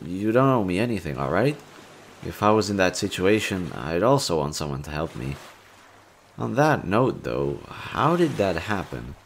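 In an intimate audio roleplay, a male actor portrays a kind, bashful young man with a low voice. He speaks gently and casually to the listener, pausing to find his words, in a gentle, reassuring mood, with faint noise and ambience behind him.

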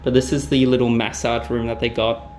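Holding his camera at arm's length, a young travel vlogger tours the indoor spaces of a cruise ship in a cheerful, chatty guide style. His mid-range, darkish voice comes across flat and fairly quick, with a little hiss or hum in the audio.

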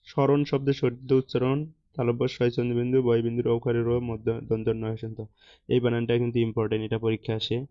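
A man's voice: mid-range voice, monotone, brisk, no room sound. A man with a Bangladeshi Bengali accent teaching an exam-prep lesson, reading out questions and answering each one with examples. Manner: reads questions then answers them, explaining examples. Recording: dull, dry lo-fi sound.

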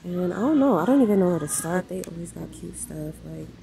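A woman's voice: on the low side, lively intonation, brisk, vocal fry, noisy background. A young woman talking casually to her viewers in a day-in-the-life vlog, candid and loose. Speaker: vlogger.

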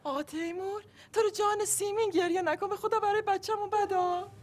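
An actress playing an anxious, tearful pregnant young wife in a TV sitcom, with a whiny, pleading manner. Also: female voice, steady tone, darkish tone. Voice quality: very high, squeaky voice. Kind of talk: TV sitcom acting.

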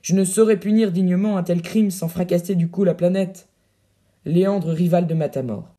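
A man's voice: sits high, fairly even intonation, moderate pace, dark tone, natural voice. A man doing a pompous braggart captain. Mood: furious ranting. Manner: pompous, grandiloquent bluster. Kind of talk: audiobook reading.

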